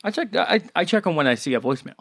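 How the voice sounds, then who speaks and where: A man's voice: on the high side, animated, rapid-fire, fairly bright tone, no echo, clean studio sound. A man with a Baltimore accent hosting a podcast, talking in casual, joking banter and teasing his co-host. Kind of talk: casual chat.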